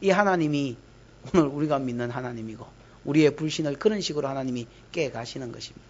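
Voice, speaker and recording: A woman pastor with a Gyeongsang accent preaching a lively, teasing sermon to her congregation during a church service. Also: very deep voice, fast talker, dull audio. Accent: Gyeongsang Korean. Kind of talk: expository sermon.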